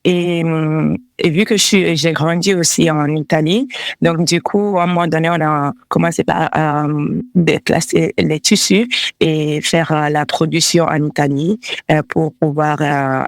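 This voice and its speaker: Guest woman, Togo-born designer, casual and halting, close dry mic. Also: low voice, vocal fry, no echo. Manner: hesitant, many fillers and restarts; laughs between answers. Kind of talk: casual interview talk.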